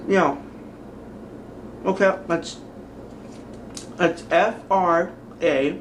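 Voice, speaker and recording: A man's voice: sits high, extremely slow, a little hiss or hum. A man playing an overexcited wrestling superfan in a mockumentary, gushing in a fanboy way. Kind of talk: mockumentary acting.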